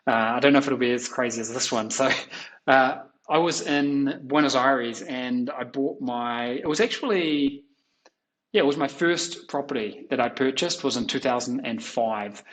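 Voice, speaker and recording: A man's voice: medium pitch, moderate pace, fairly bright tone, poor audio. Male podcast host, 30s, mid-range voice, conversational and anecdotal. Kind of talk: conversational interview.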